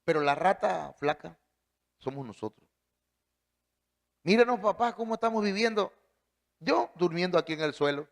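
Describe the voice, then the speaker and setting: A man's voice: high voice, lively intonation, moderate pace, creaky, long pauses. A man voicing an earnest, poor young boy in a sermon story, pleading with his father.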